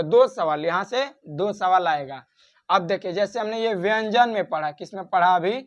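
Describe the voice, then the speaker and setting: A man's voice: high-pitched, fairly bright tone. A male grammar tutor teaching in a classroom style, drilling students by asking questions and answering them himself, and chanting series of letters in rhythm. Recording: dull lo-fi sound.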